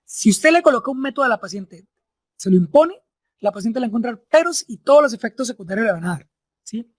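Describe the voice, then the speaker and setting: With no room sound, a very high-pitched man teaches a medical class. This lecturer explains methodically, step by step, and often checks in with tag questions to be sure students follow.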